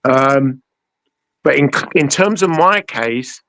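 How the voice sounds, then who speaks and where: A man's voice: medium pitch, animated, slow, fairly bright tone, no echo, poor audio. A man, a guest on a live-streamed interview over a video call. He rambles and stammers, often repeating his opening words. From England.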